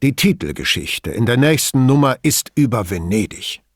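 A man's voice: medium pitch, sing-song, moderate pace, husky, no echo, clean studio sound. A man voicing a pompous, agitated male police chief who talks emphatically and indignantly in an audiobook.

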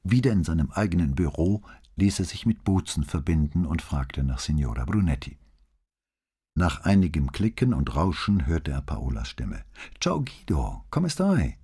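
Brief: male audiobook narrator, dark and husky, expressive measured reading. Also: very deep voice. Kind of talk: scripted narration.

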